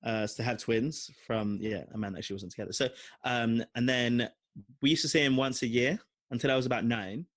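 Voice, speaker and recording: A young London man with a mid-range voice and a London accent speaks a little fast. As a podcast co-host, he tells a long personal story in casual storytelling chat, rambling and animated, full of fillers.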